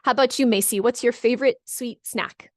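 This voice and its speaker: A middle-aged woman from California, United States, hosts a webinar on an online video call, chatting casually, reading out audience comments, encouraging people, and repeating answers back. Her voice is on the high side and brisk, with no room sound.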